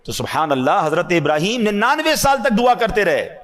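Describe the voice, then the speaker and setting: A man preaching a religious sermon, asking his listeners rhetorical questions and swinging between hushed low asides and high, emphatic cries. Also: big pitch swings. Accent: Urdu speaker from South Asia.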